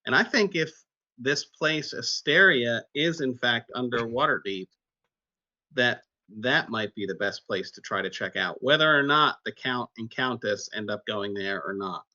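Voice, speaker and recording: Very bright, forceful male gamer. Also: medium pitch, unhurried. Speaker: tabletop game player. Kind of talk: casual game discussion. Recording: slightly dull, muffled audio.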